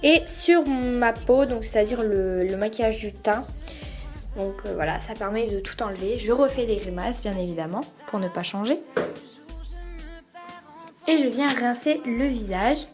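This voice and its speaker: Young woman's voice-over, soft music. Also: fairly high pitch, a little slow. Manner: hesitant, many fillers. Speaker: beauty vlogger. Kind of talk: casual voice-over explaining a routine. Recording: voice-over with faint music behind.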